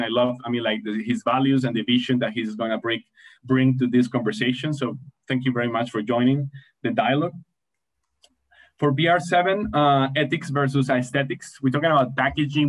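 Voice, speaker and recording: On an online conference call, a man with a mid-range voice introduces the panel moderators, rambling and repeating himself with fillers like "I mean, like" and "you see." The webcam audio is poor.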